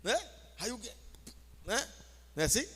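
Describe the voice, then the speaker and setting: A man's voice: extremely high pitch, very animated, moderate pace, breathy edge. A Brazilian man preaching a sermon as pastor, coaxing and urging his congregation to take part. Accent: Brazilian Portuguese. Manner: exhorting the congregation, coaxing then urging loudly. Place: church hall. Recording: echoey church hall.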